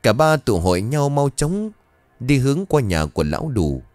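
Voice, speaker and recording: A man narrating a ghost story with an animated, dramatic telling. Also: mid-range voice, moderate pace, dry recording. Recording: dry studio voice with faint music.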